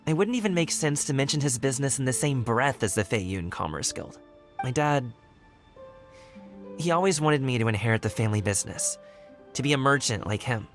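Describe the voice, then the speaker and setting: A young man's mid-range, animated voice moves fairly quickly and sounds close to everyday speech, with faint music behind it. He's an actor voicing an easygoing wushu dancer who works as a guard in a video game, and he comes across friendly, laid-back, candid and earnest.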